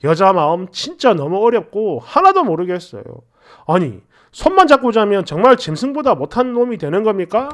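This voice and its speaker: A man's voice: high-pitched, big pitch swings, normal speed. A young man narrating a story in a chatty, exasperated way.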